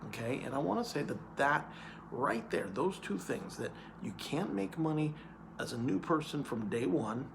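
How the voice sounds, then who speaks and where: A man's voice: a little high, very animated, moderate pace, creaky, noisy background. A man working as an insurance hiring manager, explaining in an earnest monologue that repeats points and checks in with "okay?". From California.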